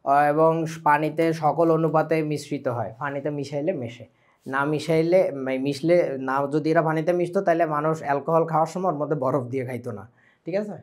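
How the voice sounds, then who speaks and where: A young man with a Bangladeshi Bengali accent teaching a chemistry class online, lively and full of questions to his students. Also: fairly high pitch. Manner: lively, asks students questions often, mixes English words.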